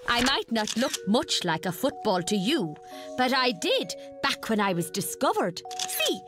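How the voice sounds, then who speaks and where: A cheeky, sporty lady fish, talks with a British accent in a slightly high, swooping voice. She is playful and colloquial, takes her time, and is made for a kids' cartoon. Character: cheeky, sporty female deep-sea football fish. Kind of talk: educational cartoon monologue.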